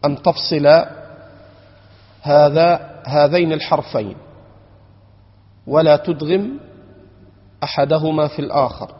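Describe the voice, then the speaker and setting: A man giving a religious lecture, speaking in a measured way and slowing down to recite verses and correct pronunciation. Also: fairly high pitch, slightly rough. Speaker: religious teacher. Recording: dull lo-fi recording with long hall reverb.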